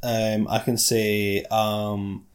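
A man's voice: on the low side, level tone, drawn-out words. A man co-hosting a casual podcast, joking, swearing freely and reading listener letters aloud. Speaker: podcast co-host. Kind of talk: casual chat.

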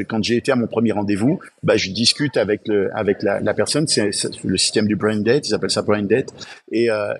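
Low-voiced man, eager remote guest. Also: breathy edge. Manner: enthusiastic, talks in bursts with many restarts. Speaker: guest podcaster. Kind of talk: remote interview, casual chat.

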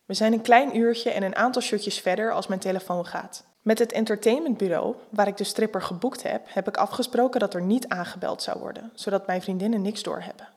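Woman narrator, erotic audio story, calm reading, mid-pitched voice. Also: brisk, hardly any pauses, slightly rough.

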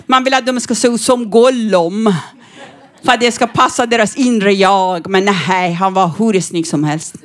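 A middle-aged woman from Iran doing stand-up comedy, cheeky and quick to laugh. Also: mid-range voice. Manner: cheeky, laughing often, lively. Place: stage before a live audience.

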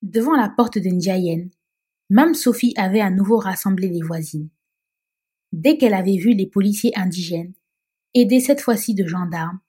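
A woman with a husky voice, narrating a novel in a measured, expressive way. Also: mid-range voice.

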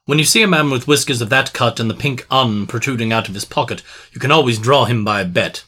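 An actor playing a calm, shrewd gentleman detective who speaks in a measured, dryly confident way. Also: medium pitch, slightly rough. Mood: musing.

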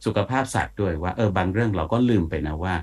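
A male radio host introducing a guest in a relaxed, chatty studio interview. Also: low-pitched, fast. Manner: informal and chatty, with frequent polite particles.

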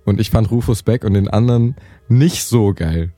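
A young man in casual podcast chat, laid-back and slangy, pausing often with fillers. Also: fairly low pitch, warm tone, dry recording, soft background music.

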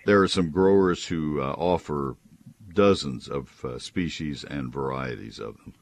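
Very deep, husky male radio host. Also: a little slow. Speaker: radio host of a call-in gardening show. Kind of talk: conversational live radio talk with sponsor reads.

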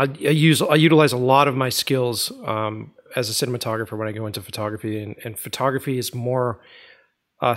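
A man hosting a casual interview. He is a cinematographer and talks in a relaxed way, swearing casually and trailing off mid-thought. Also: medium pitch. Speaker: host, cinematographer.

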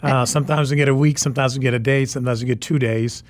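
A man's voice: medium pitch, fairly even intonation, fast talker, dry recording. A man in his forties, a native Czech speaker, guest on a radio interview, who talks enthusiastically and repeats words for emphasis. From Czech Republic. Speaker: photographer.

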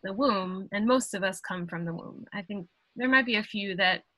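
A woman playwright in a casual interview, speaking thoughtfully with many pauses and fillers. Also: mid-range voice, bright, forceful tone, no room sound, poor audio. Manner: thoughtful, halting, with frequent fillers and laughs. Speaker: guest artist, playwright.

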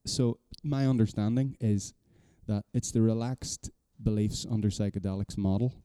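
A man's voice: lowish voice, moderate pace, mellow, clear, resonant tone, no room sound. A man in casual podcast chat, rambling and self-deprecating, swearing now and then.

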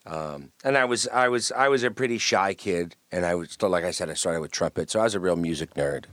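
Man, very low voice, casual interview guest, rambling storyteller, dry close sound. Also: fairly quick, no room sound. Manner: relaxed, rambling storyteller with many restarts. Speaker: guest musician.

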